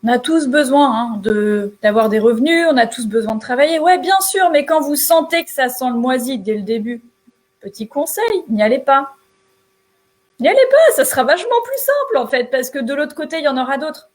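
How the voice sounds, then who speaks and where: A woman's voice: high voice, fairly quick. A woman entrepreneur co-hosting a show, giving casual motivational advice in an emphatic, colloquial way.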